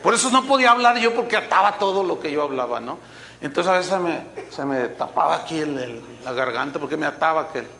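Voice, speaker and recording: A pastor with a Mexican Spanish accent talks fast in a slightly high voice as he preaches a sermon, slight background noise behind him. He tells animated stories, chuckling and acting out the voices of the people he quotes.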